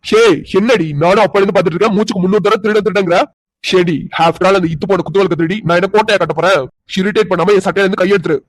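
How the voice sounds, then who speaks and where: A man voicing a brash, quick-talking young guy. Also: high voice, steady tone, dry recording, low-quality recording. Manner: brash and teasing.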